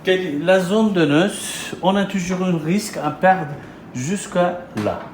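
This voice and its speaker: In non-native French full of halting repetition, a male hair transplant surgeon walks through a patient's case in an interviewing, explanatory consultation. He is high-pitched, and there's slight hiss or hum. The room echoes and loud guitar music fills the background.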